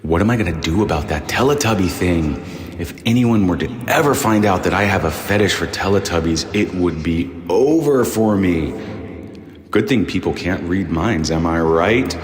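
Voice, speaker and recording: A man voicing a host's manic inner monologue that rambles and erupts into shouting, heard with a long echoey reverb. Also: low-pitched, expressive, unhurried, pitched below the performer's own voice. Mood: rambling. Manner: rambling, erratic, bursts into shouting.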